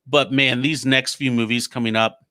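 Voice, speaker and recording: A young man with a bright, forceful voice talks about a film in an easygoing way, stumbling and restarting now and then. The recording is close and dry. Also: medium pitch, steady tone, normal speed, no room sound. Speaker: podcast co-host. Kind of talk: casual movie review chat.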